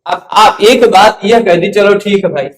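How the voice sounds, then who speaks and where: Guy teaching grammar, slow and patient, keeps asking if u follow, kinda echoey. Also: high-pitched. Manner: patient, repeats syllables slowly, asks students questions. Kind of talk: explanatory lecture.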